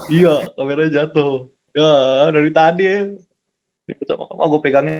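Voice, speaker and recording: A man's voice: on the high side, fairly even intonation, moderate pace, a little mellow, dull audio, slight background noise. A man explaining things in a casual, slangy chat, often tossing in rhetorical tag questions. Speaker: guest explaining parenting.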